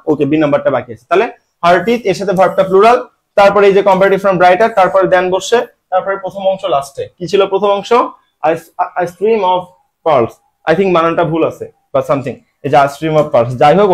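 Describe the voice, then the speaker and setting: In an online admission-exam lesson, a man with a high-pitched voice talks fast while teaching English grammar in a Bangladeshi Bengali accent. He teases his students and poses questions only to answer them himself.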